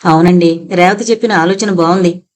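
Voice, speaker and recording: A woman's voice: on the low side, steady tone, brisk, natural voice. A worried middle-aged wife and mother pleads and frets, read by a woman narrator. She sounds anxious in this audiobook novel. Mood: fretful. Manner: fretful, pleading.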